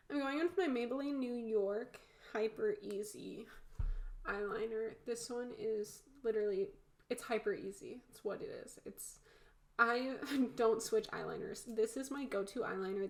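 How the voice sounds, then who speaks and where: A woman with a blocked-nose sound talking in an informal, rambling, candid way, as in a casual makeup tutorial. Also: mid-range voice. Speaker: makeup vlogger. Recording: roomy echo.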